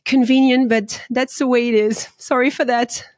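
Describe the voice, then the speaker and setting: A woman hosting an interview podcast, hoarse from being ill, polite and hesitant with many pauses and fillers. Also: fairly high pitch, steady tone, darkish tone, dry recording, clean studio sound. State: hoarse from illness. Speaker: podcast host.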